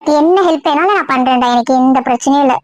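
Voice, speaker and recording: A woman's voice: high voice, fast talker, darkish tone, dry recording, natural voice. A woman playing a sly young sister-in-law. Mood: reassuring. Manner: conspiratorial. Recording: dull lo-fi dry recording.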